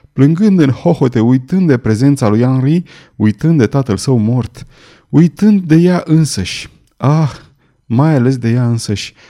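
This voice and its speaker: Audiobook narrator, a man with a dark, mellow voice, reading theatrically and expressively. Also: medium pitch.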